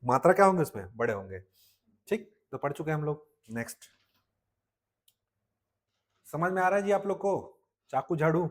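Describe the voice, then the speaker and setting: A man's voice: on the high side, lively intonation, fast talker. Man teaching a Hindi grammar class. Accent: Chhattisgarhi Hindi. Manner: repetitive, keeps asking the class questions. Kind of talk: classroom lecture.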